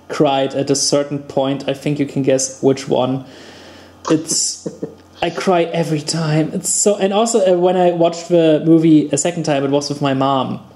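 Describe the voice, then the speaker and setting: A man's voice: on the high side, fairly even intonation, normal speed, warm tone. A young man from Germany chatting casually and enthusiastically in a film podcast, rambling with many restarts and fillers. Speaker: podcast co-host. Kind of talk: casual chat.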